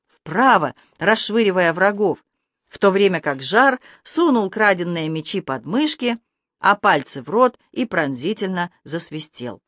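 A lively audiobook narrator tells a fantasy adventure with a medium pitch that leaps higher and louder in the fast scenes. The recording is dry and close, with no room sound. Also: dry recording. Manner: lively expressive reading that shifts pitch and loudness for action.

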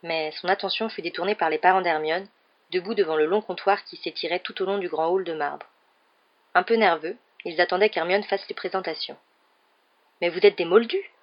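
A woman narrating an audiobook in a steady, measured storytelling voice. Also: fairly low pitch, lo-fi sound.

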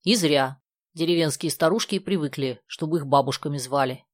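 A woman reading aloud the lines of a confident, argumentative teenage boy in a calm, even manner. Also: sits low, moderate pace, dry recording, studio quality. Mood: self-assured. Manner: self-assured, argumentative.

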